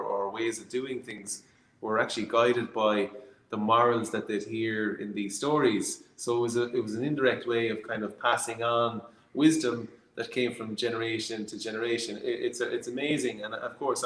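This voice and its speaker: Low-voiced Irish storyteller in an echoey room. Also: male voice, steady tone, a bit bright. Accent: Irish, west of Ireland. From Galway, Ireland. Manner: hesitant, reflective storytelling with many pauses. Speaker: distillery founder being interviewed. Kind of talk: conversational storytelling. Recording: roomy, echoey sound.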